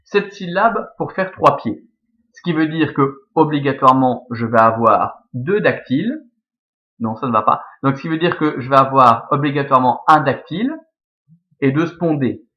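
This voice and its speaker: A man's voice: medium pitch, lively intonation, normal speed, lo-fi sound. Belgian man teaching, thinking aloud step by step. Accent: Belgian French. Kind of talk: explaining Latin verse scansion.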